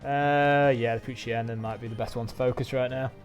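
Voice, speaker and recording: A man's voice: mid-range voice, steady tone, brisk, soft background music. Chatty English man streaming a game. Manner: rambling, chatty, talks with mouth full. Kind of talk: casual live-stream chat while gaming.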